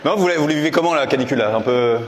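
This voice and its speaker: A man doing punchy stand-up comedy, animated and slangy, teasing his audience as he goes. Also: mid-range voice, very fast. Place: live comedy show before an audience. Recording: echoey live venue, loud audience noise.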